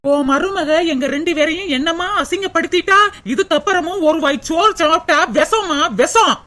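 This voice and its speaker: A woman's voice: very high voice, moderate pace, sharp tone. A woman voicing a hurt, indignant married daughter in a cartoon, crying as she speaks. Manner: tearful, indignant. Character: insulted married daughter, tearful and proud.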